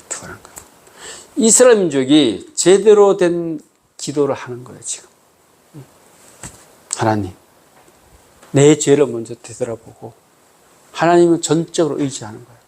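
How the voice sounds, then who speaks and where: A man's voice: on the high side, a little mellow. A male pastor giving a sermon in a conversational way, often asking the congregation questions and varying his pace for emphasis. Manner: conversational preaching with frequent call-and-response questions.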